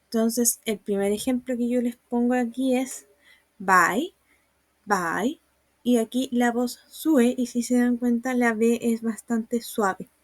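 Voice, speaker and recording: A woman's voice: a little high, level tone, dark tone, no echo. A woman, patiently explaining sounds and writing in a recorded online lesson. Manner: slow, patient explaining with examples. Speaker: Mandarin teacher.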